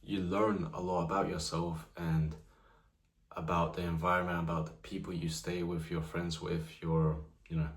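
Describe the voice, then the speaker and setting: Young man, deep voice, casual rambling talk to camera, echoey room. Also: little pitch movement, normal speed. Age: young adult, nineteen. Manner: loose, rambling, many "you know" fillers. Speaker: vlogger.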